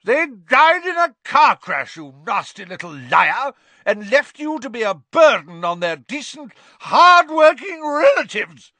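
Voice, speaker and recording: A man voicing a loud, pompous, spiteful middle-aged aunt who has been drinking, in an audiobook. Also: high-pitched, big pitch swings, unhurried, dry recording, pitched above the performer's own voice, exaggerated voice. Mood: screaming fury. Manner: pompous, sneering, emphatic. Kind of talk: audiobook character voice.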